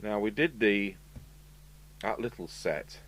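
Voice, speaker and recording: An English man from the United Kingdom takes things slowly in a lowish voice as he hosts a casual repair video. The radio repairer talks unscripted to camera while demonstrating, chatty and full of asides, with a steady hum and background noise in the audio.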